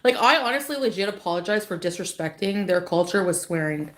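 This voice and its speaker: A woman's voice: on the low side, animated, a little fast, fairly bright tone. Rambling, foul-mouthed woman vlogger. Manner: rambling, heavy swearing and filler words. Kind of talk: casual storytelling. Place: clip from her own video.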